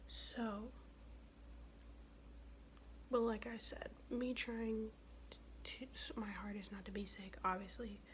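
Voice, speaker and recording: A young woman from the United States whispering in a close, raspy ASMR voice, her throat worn from illness, telling a blunt, profane, chatty story. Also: mid-range voice, steady tone, slow pace, long pauses, slight background noise. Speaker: ASMR vlogger.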